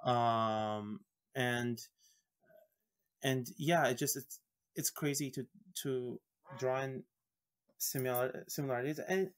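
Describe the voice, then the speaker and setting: A man from Iraq chats as a podcast guest in an ordinary mid-range voice. He talks haltingly and keeps restarting his sentences. He pauses often while he searches for words. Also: mid-range voice, steady tone, clear, resonant tone. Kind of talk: casual podcast chat.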